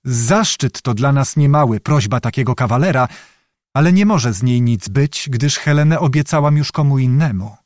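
A man voicing a proud, furious older princess whose talk turns dry and sharp. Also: mid-range voice, lively intonation, normal speed, no echo, lightly acted. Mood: cold. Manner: dry, sharp, hurls insults.

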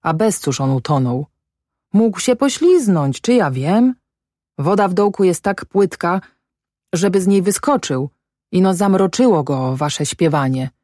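A woman's voice: on the low side, expressive, a little slow, mellow, dry recording, clean studio sound. A woman voicing a distraught peasant father who speaks in a muffled, accusing voice in an audiobook. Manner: muffled, pleading then accusing. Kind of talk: audiobook character voice.

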